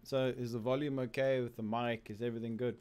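A man with a Zimbabwean accent giving casual, excitable live commentary on a game he plays, chatting with viewers. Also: mid-range voice, fast, clear, resonant tone. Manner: casual, excitable, laughs often, calls viewers bro. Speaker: streamer.

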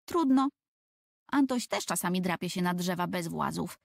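A woman's voice: lowish voice, brisk, vocal fry, no room sound, studio quality. A woman narrating a children's book for an audiobook, telling the story expressively.

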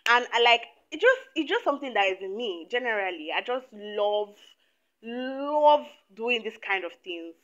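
A chatty young woman from Nigeria talks to her camera with a crisp, bright tone. She is lively and loves to tell stories. Her voice comes through a clip-on mic in a small room, and the sound is a little dull. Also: a little high, normal speed. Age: 20s. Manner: chatty, animated, laughs often. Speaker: YouTuber. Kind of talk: casual chat to camera. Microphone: lapel mic.

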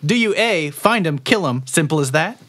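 A man narrates a tabletop game as its game master, reading quiz choices with playful energy. His voice sits fairly high and jumps up in pitch when he announces scores. He laughs often between lines. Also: animated, normal speed, a bit bright.

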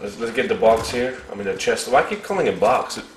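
Man, gaming commentary, excitable, thinks aloud, mid pitch, roomy echo, faint game music. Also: fairly quick, slight background noise. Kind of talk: casual let's-play commentary.

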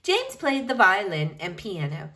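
Reading a picture book aloud, a woman addresses her young listeners directly in an expressive, animated way. Her voice sits in the mid range and her pace is a little slow.

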